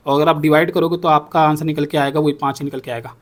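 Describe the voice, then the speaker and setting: Fast-talking man teaching maths. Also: fairly high pitch, little pitch movement. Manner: repeats himself, checks in with "ठीक है ना". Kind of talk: explaining on a whiteboard.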